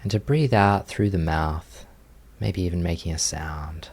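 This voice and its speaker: A meditation teacher guides a session in a low voice with a gravelly edge and some vocal fry. He talks very slowly and gently, setting short phrases apart with long pauses, unhurried and inviting. A little hiss or hum can be heard.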